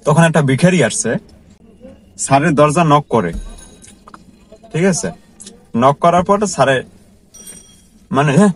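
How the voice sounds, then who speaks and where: A man with a somewhat high-pitched voice tells his vlog viewers a story from his work as a driver. He talks earnestly and casually, and he circles back to repeat his points. He keeps speaking straight to his audience. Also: expressive, a little slow, long pauses. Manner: earnest, repetitive, conversational address to viewers. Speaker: car driver telling a personal story.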